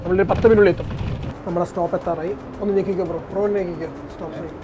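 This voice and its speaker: A man's voice: high-pitched, fairly even intonation, racing, background noise. A man with a Malayalam accent vlogging casually to his viewers, mixing English words into his Malayalam as he narrates his trip. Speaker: travel vlogger. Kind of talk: casual vlog commentary to viewers. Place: on a city bus and busy streets outdoors.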